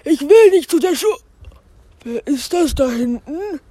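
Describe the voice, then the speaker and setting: A woman's voice: high-pitched, expressive, unhurried, warm tone, no echo. A woman voicing a lazy, lovestruck young male cactus schoolboy in an amateur fan audio drama, whiny and sulky, stumbling over his answers. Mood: smitten, sulky.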